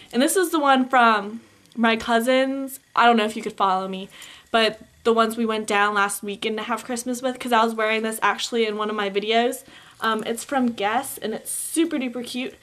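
A woman's voice: on the high side, a bit bright. A teenage girl talking casually on a home vlog, upbeat and chatty with lots of fillers, recorded on a camcorder mic. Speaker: vlogger. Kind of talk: casual holiday haul vlog. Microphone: camcorder built-in mic.

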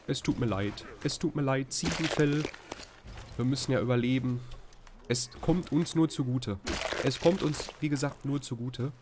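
Chatty German let's-play commentator. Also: male voice, medium pitch, moderate pace, noisy background. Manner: chatty, rambling, exclaims at the game. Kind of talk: casual gameplay commentary.

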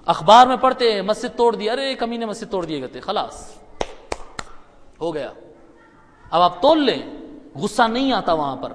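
High-voiced man preaching in an echoing hall. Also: animated, long pauses. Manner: emphatic, rising to loud rhetorical peaks then dropping low. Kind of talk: Friday sermon. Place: mosque. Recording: long hall reverb.

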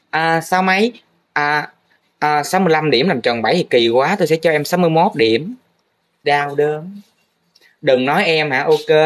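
A young man playing a comic art teacher grading students' drawings, teasing and full of exaggerated exclamations. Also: fairly high pitch. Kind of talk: comedic teacher role-play monologue.

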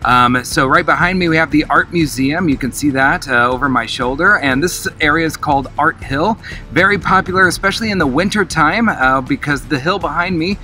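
A man's voice: fairly high pitch, a little fast, pushed and bright. An upbeat middle-aged man, a cruise director, casually hosting a quiz to camera outdoors. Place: outdoors in an open park.

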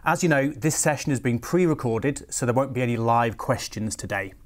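A man's voice: medium pitch, brisk. A man in his forties hosting a pre-recorded business interview, friendly and a little hesitant, with fillers and repeated words. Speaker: host.

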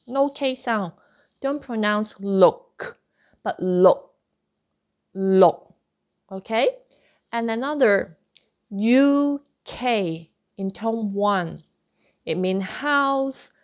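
Slow, patient woman teacher. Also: mid-range voice. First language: Cantonese. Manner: slow, patient, repeats sounds for practice. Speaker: Cantonese teacher. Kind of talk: online language lesson.

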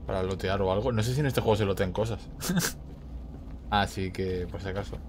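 A man's voice: low voice, steady tone, quick pace. A man giving casual let's play commentary as he plays a video game. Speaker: gamer. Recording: game noise behind the voice.

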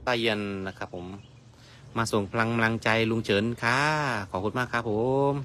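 A man's voice: medium pitch, fairly even intonation, moderate pace, bright, forceful tone, slight background noise. A man in his fifties hosting a live stream, chatting politely with viewers as he moves around outdoors. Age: 50s. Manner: polite, chatty, often ends with "krap phom". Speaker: livestream host. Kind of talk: casual live-stream chat.

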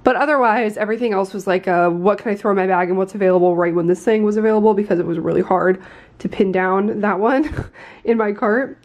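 A woman in her twenties talks briskly in a medium-pitched, darkish voice, the audio sounding dull. Holding her phone camera in her bedroom at home, she chats casually for her vlog, rambling a bit and laughing now and then.

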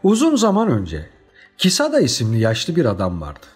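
Expressive male storybook narrator. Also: medium pitch, moderate pace, faint music behind. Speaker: audiobook narrator.

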